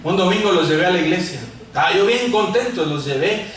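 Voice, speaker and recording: Echoey preacher, animated. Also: male voice, high-pitched, fairly quick. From Mexico. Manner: animated, swings from shouting to quiet asides. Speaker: pastor. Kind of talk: sermon with personal testimony. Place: large echoey church hall. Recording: echoey church hall, mic far off, faint noise.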